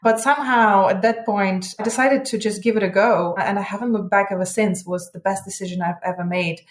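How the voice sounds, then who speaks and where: A woman in her thirties, raised in Russia, answers interview questions in an articulate, upbeat way, with the odd filler word. Her voice sits at an ordinary middle pitch. The room around her gives a noticeable echo. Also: fairly even intonation, a little fast. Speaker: guest, hedge fund head of research. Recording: roomy echo.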